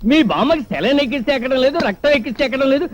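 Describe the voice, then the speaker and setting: A bewildered doctor in a film comedy. He talks fast in a high, lively, up-and-down voice. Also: muffled recording. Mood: puzzled. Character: puzzled village doctor.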